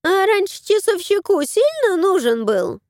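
A woman voicing a raspy, sardonic female crow who talks in a mocking, gossipy way. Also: extremely high pitch, big pitch swings, unhurried, darkish tone, dry recording, studio quality, voice pushed up, exaggerated voice. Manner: mocking, cackling.

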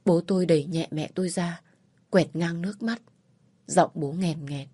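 A woman reading a first-person story aloud in a slow, sorrowful way. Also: fairly low pitch, dark tone, dry recording. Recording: dry close voice over faint music.

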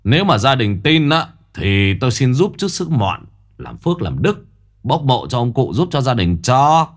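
A man voicing a greedy old male fortune-teller, smug and gruff. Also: mid-range voice, sing-song, moderate pace. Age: older. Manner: smug, gruff, clicking his tongue.

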